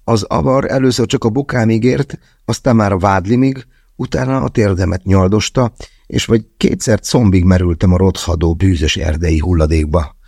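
A man's voice: deep voice, creaky, warm tone, breathy edge, no room sound, clean studio sound. A man narrating a first-person novel as an audiobook, wry and conversational in his storytelling.

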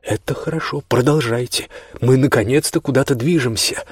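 A man voicing an easygoing young man who tries to calm two feuding brothers. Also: medium pitch, normal speed, husky, dry recording, clean studio sound, voice pushed up, close to an everyday voice.

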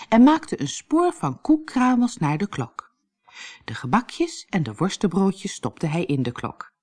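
Expressive low-voiced woman storyteller. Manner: lively, expressive. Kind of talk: audiobook fairy tale narration.

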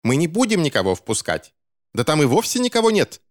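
A man's voice: on the high side, huge pitch swings, a little fast, dry recording, studio quality, voice pushed up. A man voicing a bossy, indignant woman who shrieks her scornful lines in an audiobook. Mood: shrill indignant. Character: shrill bald older woman, indignant and bossy.

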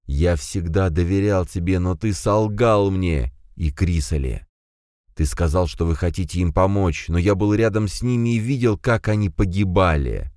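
A man reading a storybook, voicing a confused, tired male mind that speaks hoarsely through a small loudspeaker. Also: deep voice, moderate pace, dry recording, clean studio sound, pitched above the performer's own voice, natural voice. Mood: desperate. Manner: confused, pleading, near tears.

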